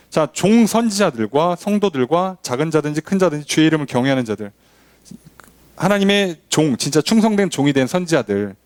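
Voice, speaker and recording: A man's voice: on the high side, a little mellow, dry recording. A male pastor preaching a sermon, asking the congregation rhetorical questions. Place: church.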